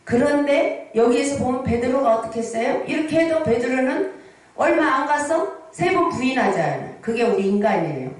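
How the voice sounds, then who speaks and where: A woman's voice: high voice, lively intonation, fairly quick. A woman in her sixties preaching a sermon as pastor, telling stories and asking the congregation questions. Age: 60s. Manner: storytelling sermon with frequent rhetorical questions to the congregation. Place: large prayer hall. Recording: echoey hall, voice from the mic's distance.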